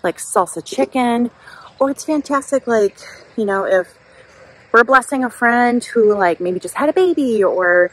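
A woman's voice: on the high side, lively intonation, measured pace, fairly bright tone, slightly rough, poor audio. A Midwestern woman in her thirties, chatting casually and upbeat to a handheld camera while walking through her outdoor garden. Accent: Midwestern American. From Wisconsin. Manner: chatty, upbeat, self-deprecating. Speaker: vlogger, mom.

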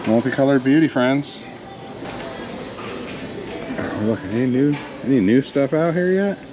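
A thrift reseller vlogger, a man with a medium-pitched, expressive voice, narrates his thrift shopping at a measured pace in a casual vlog. He rambles and jokes, treating viewers like friends. The audio is lo-fi, with music playing underneath.

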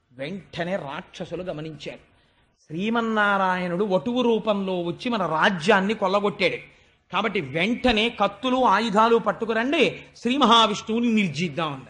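High-voiced Telugu man telling a devotional story. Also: a bit bright. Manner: recites verses then explains them, voices characters' pleas. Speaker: religious discourse speaker.

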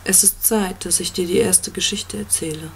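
A reader voicing an ancient, commanding yew-tree monster in an audiobook, with a slow, stately delivery. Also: medium pitch, fairly even intonation, gravelly, a little hiss or hum, natural voice. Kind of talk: audiobook reading.

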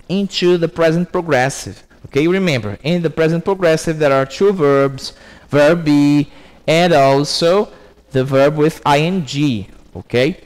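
A man with a Brazilian accent, an English teacher giving a recorded class lesson, explaining step by step and checking in with frequent "ok?". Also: on the high side.

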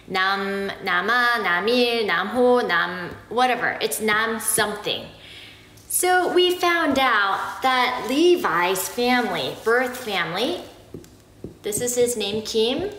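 A woman from Korea explaining something slowly and patiently, often checking in with "okay?". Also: medium pitch, pushed and bright, reverberant, a little hiss or hum, poor audio. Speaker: family vlogger explaining Korean naming. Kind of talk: casual explanatory talk to camera.

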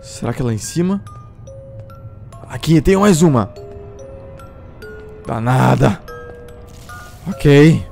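A man's voice: medium pitch, expressive, takes it slowly, vocal fry, long pauses, a little mellow. A man commenting on a horror game as he plays, jumpy and talking to himself about what to do. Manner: jumpy, exclaims and yelps at scares; talks to himself, asking what to do. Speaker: gameplay streamer. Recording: game music faint behind.

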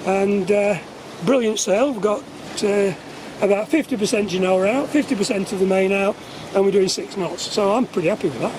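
Man, skipper and vlogger, matter-of-fact; high-pitched voice, outdoor wind noise. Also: moderate pace. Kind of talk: casual chat. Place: on a sailboat at sea, outdoors.

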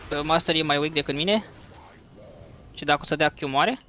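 A man's voice: on the high side, pushed and bright. A man explaining his gameplay plainly as a guest player. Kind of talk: casual gaming commentary.

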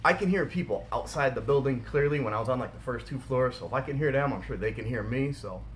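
A man in his forties, an urban explorer vlogger, talking casually to camera in a big old mill room, relaxed and hesitant, often repeating words. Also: mid-range voice, quick pace, slight background noise. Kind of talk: casual vlog talk to camera. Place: indoors in a large old mill room by pipes. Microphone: camera at table distance.

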